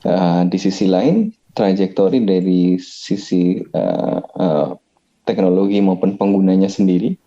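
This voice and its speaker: A man with an Indonesian accent and a deep, very mellow voice talks through his ideas in a relaxed podcast chat. He hesitates often, filling gaps as he reasons aloud. The recording sounds dull and lo-fi. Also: unhurried. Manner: thoughtful, many hesitations. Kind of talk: casual discussion.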